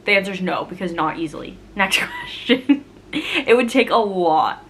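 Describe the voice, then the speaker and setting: A woman's voice: medium pitch, animated, unhurried, fairly bright tone, slight background noise. A young woman vlogger in a casual chat answering viewer questions, rambling and chatty with frequent laughs.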